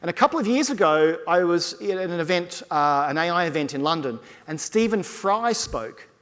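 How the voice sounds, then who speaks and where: A man delivering a conference keynote as a speaker, talking to the audience in an energetic, conversational way. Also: a little high, moderate pace. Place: large conference hall stage. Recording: long hall reverb from a conference stage.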